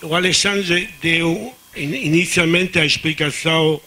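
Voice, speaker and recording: A man from Italy, a native Italian speaker with an Italian accent, gives unscripted remarks as a conference panel discussant, often restarting words and drifting into Spanish. His voice is a little high and a little slow, with a bright, forceful tone.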